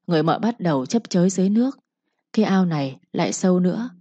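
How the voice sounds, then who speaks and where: A woman narrating a storybook in a steady, plain manner. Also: lowish voice, quick pace, breathy edge, dry recording. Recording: dull, lo-fi, dry.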